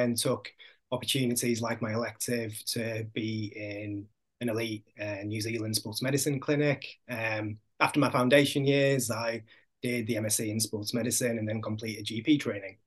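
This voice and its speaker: Even-toned man with a Hull accent. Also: medium pitch. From Hull, Yorkshire, England. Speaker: podcast guest, sports doctor. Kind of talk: interview answers.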